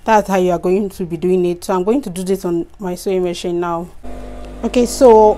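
Tired woman host, mellow voice. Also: on the low side, steady tone, a little fast. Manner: chatty, repeats instructions, frequent "okay" and "so guys". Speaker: craft channel host. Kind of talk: casual DIY tutorial.

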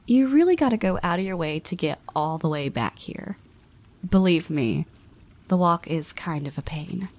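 A voice actress plays a confident young woman teasing her friend in a scripted audio roleplay, dropping playful half-whispered asides. Her lowish, darkish voice is animated and moves at a moderate pace.

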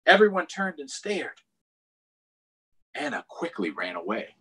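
An expressive American man hosts a children's storytime from a small room at home, reading aloud and explaining things with chatty asides for young kids. His voice is on the high side, slightly rough and unhurried, captured by a computer or tablet on a video call.

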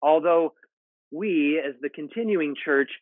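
A man in his forties delivers a sermon from his home study, speaking slowly and deliberately in a somewhat high voice. The sound is narrow and phone-like, picked up by earbuds on a video call. The room sounds dry and close. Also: no echo. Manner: measured, deliberate preaching with expressive hand gestures. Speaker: pastor. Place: home study with bookshelves, indoors.

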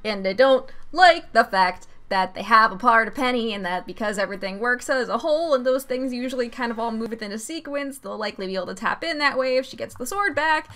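Excitable, swearing young woman reacting. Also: a little high, fairly quick, hardly any pauses. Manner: excitable, rambling, swears freely, laughs often. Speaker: reaction video host. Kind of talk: casual reaction commentary.

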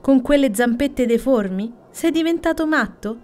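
A woman voicing an arrogant, boastful female hare who taunts in a high, loud voice for a bedtime storybook. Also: expressive, normal speed. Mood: mocking.

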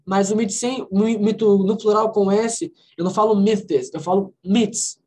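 A woman teaching English in an online class from a Brazilian Portuguese accent, explaining pronunciation slowly and checking in with her students. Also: mid-range voice, steady tone, warm tone, rough recording. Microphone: video call.

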